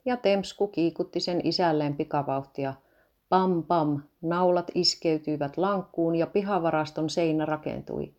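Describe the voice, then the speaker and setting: A woman narrating a children's story in a calm, even storytelling manner. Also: low-pitched, hardly any pauses, dull audio. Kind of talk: storybook reading.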